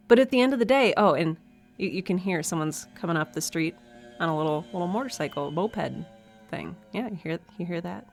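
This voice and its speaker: Woman podcast host, low voice, chatty, self-deprecating, laughs a lot, home office desk mic. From American Midwest. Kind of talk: casual solo podcast monologue. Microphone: desk mic with headphones.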